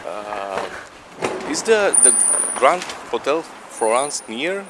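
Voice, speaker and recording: A man chatting as a traveller, halting and searching for words. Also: medium pitch, sing-song, noisy background. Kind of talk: casual chat.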